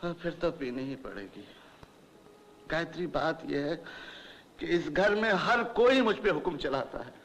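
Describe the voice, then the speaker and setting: A man's voice: fairly high pitch, lively intonation, moderate pace, a bit bright, slight background noise. An actor playing a playful, lonely elderly rich man who teases and laughs in a 1970s Hindi film. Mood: teasing. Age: older. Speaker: wealthy mill owner. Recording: old film soundtrack with long reverb.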